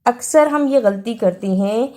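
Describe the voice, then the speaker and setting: A woman teaching a Quran recitation lesson, spelling words out slowly letter by letter and then reciting them melodically. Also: a little high, warm tone. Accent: Pakistani Urdu.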